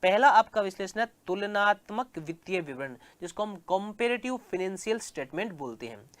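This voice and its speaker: A male commerce teacher, lecturing and slowly repeating key terms, asking the class questions and answering them himself. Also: high voice, lively intonation, fairly bright tone.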